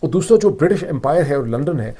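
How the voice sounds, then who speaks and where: A man's voice: on the high side, lively intonation, fast talker, warm tone. A middle-aged man from Pakistan with a Pakistani Urdu accent, hosting a solo political commentary and explaining events emphatically, slipping English phrases into his Urdu. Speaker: political analyst and host.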